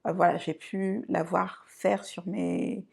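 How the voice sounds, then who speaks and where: Low gravelly-voiced woman vlogging. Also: fairly even intonation. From Côte d'Ivoire and France. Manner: reflective, unhurried, often searching for words. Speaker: channel host. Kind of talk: personal introduction vlog.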